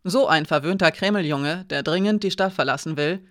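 A spirited young woman thinks out loud, quick to act and a little brash, rising in force as she argues her case, voiced by an audiobook reader. The recording is dry and close. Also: medium pitch, no room sound, close to an everyday voice. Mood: eager. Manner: lively, talks aloud while thinking.

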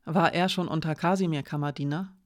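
A narrator voicing a watchful young woman who reasons calmly, in an audiobook. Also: mid-range voice, a little fast, no echo, studio quality, lightly acted. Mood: measured.

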